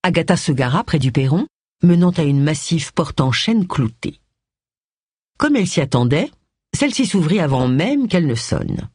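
A woman narrating an audiobook in a measured, expressive storytelling manner. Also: sits low, slightly rough, dry recording, clean studio sound.

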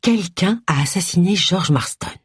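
A woman voicing a composed, kindly vicar's wife in an audiobook, gentle but firm. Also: fairly low pitch, animated, normal speed, husky, dry recording, studio quality.

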